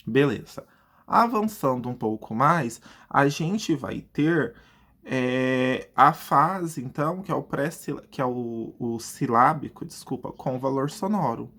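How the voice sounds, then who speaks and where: A man with a Brazilian Portuguese accent teaches a video lesson in a friendly, chatty way. His voice is a little husky and breathy, and his pitch sits in a middle range. He often asks himself questions, then slowly spells words out syllable by syllable. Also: expressive, a bit bright. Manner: stretches out words syllable by syllable to demonstrate.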